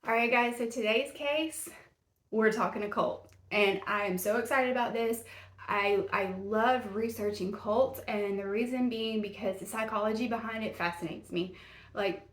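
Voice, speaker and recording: Captured on camera and mic in a roomy-sounding space, this true crime podcast host from Tennessee chats casually with a Middle Tennessee Southern accent. Her voice is a little high at a normal speed, and her delivery is folksy, rambling, self-deprecating and full of fillers.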